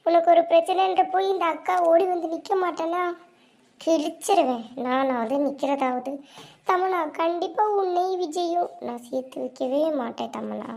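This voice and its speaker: A woman's voice: very high voice, fairly even intonation, normal speed, dark tone. A woman voicing a scheming, two-faced young woman in a cartoon, with sly gloating asides. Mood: mock sympathy. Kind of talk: cartoon voice acting.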